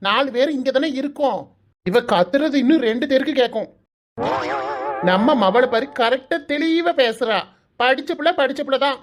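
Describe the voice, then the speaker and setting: Cartoon dad, voiced by a woman, Kanyakumari Tamil accent, slow and soothing, high voice. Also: lightly acted. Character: calm middle-aged village husband and father, pious.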